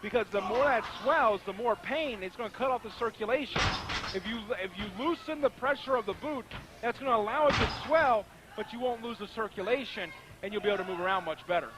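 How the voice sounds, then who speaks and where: A high-voiced man delivers live color commentary on a wrestling match, conversational and emphatic, often repeating his phrasing to drive a point home. His delivery is brisk, and there's heavy noise in the background.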